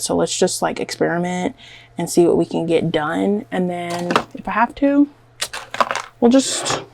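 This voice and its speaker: Her voice sits fairly low, with vocal fry and a darkish tone, and there's no room sound. She's a Southern US beauty vlogger dyeing her hair at home, filming herself and rambling to the camera in a nervous, self-mocking way with lots of "like."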